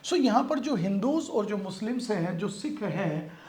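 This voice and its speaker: An Indian teacher gives an exam-prep grammar lesson in Hindi, mixing in English phrases, slowing down to read example sentences and frequently checking in with students. His voice is high-pitched, expressive and darkish in tone. The room is echoey, with faint background noise.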